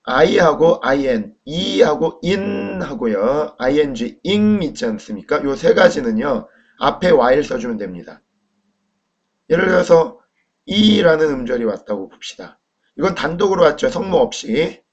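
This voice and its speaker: A man teaching Chinese pronunciation in a lecture, slow and deliberate, often asking questions to the viewer. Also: fairly high pitch, sing-song, breathy edge. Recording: dull lo-fi recording.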